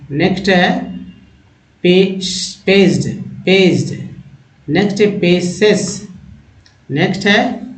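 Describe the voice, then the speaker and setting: A man leads an English vocabulary lesson, sounding out each word slowly and calling his viewers friends. His voice sits fairly high and he speaks at an unhurried pace. The recording has a noticeably roomy, echoey sound. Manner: slow, drawn-out word-by-word pronunciation drill; chatty, addresses viewers as friends. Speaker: English teacher. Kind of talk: vocabulary lesson with pronunciation drill. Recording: echoey room.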